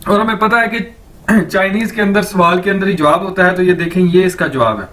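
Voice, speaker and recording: Man, patient teacher, high voice, set back from the mic. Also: fairly quick, fairly bright tone, far from the mic, rough recording. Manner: repeats each word several times, checks with "theek hai?". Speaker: language teacher. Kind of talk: slow instructional lecture with repetition drills.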